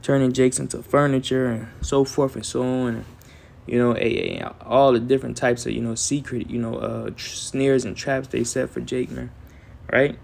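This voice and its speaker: Gravelly man preaching casually. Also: mid-range voice, level tone, darkish tone. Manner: casual street talk, tags lines with "man" and "right"; reads verses aloud in a slow deliberate cadence. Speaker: scripture teacher. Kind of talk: informal Bible study reading and commentary.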